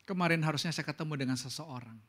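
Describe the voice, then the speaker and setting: A man preaching a church sermon in an animated way, his pitch climbing for emphasis and English words mixed into his speech. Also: fast. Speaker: pastor. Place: church service.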